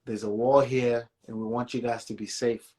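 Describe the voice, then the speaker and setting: Casting: relaxed male guest from Malawi, forties, easygoing storyteller, mid-range voice. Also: medium pitch, normal speed. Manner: relaxed, says "man" and "yeah" often. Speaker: guest, musician and speaker. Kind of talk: casual storytelling interview.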